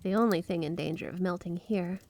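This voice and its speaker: A woman speaks a little fast in a natural, darkish voice on the low side, playing a possessive, flirty snow spirit wife in an ASMR roleplay monologue. Tender and reassuring, she teases coyly and dotes on the listener with feigned innocence.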